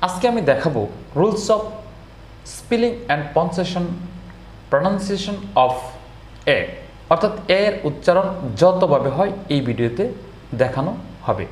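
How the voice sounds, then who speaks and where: A man teaching English pronunciation in a spoken lesson, drilling word lists slowly one by one. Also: high-pitched, animated. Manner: slow, drawn-out word-by-word drilling. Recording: echoey room with faint background noise.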